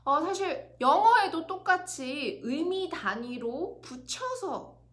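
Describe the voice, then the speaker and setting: A woman's voice: extremely high pitch, very animated, slow, fairly bright tone. A woman with a Korean accent giving a casual video lesson on pronunciation, demonstrating English phrases and laughing often.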